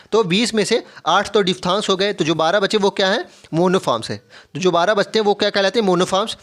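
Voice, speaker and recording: Young adult Indian male tutor, high-pitched, question-and-answer style, repeats key points. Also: fairly bright tone. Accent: Indian English. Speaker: exam prep teacher. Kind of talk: explanatory lesson, mixing Hindi and English.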